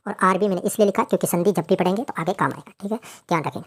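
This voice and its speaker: A woman's voice: lowish voice, very fast, slightly rough. A woman teaching grammar in a lecture, asking questions and then answering them herself.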